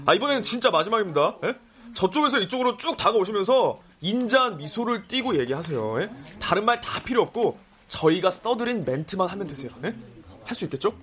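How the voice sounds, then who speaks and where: High-pitched, exasperated TV producer. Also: male voice, sing-song, a little fast, fairly bright tone. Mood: pushy. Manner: coaxing, nagging. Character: pushy, exasperated male TV documentary producer. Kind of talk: radio drama acting.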